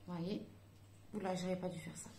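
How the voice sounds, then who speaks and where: A woman's voice: lowish voice, little pitch movement, brisk, very noisy. A woman chatting casually through a makeup tutorial, hesitant and full of fillers as she talks to her viewers. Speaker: beauty vlogger. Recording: echoey room.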